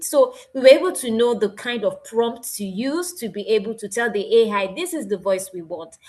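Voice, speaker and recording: Presenting informally at an online event, a woman with a Nigerian accent speaks in a mid-range voice. She's emphatic and animated, throwing in exclamations and repeating phrases.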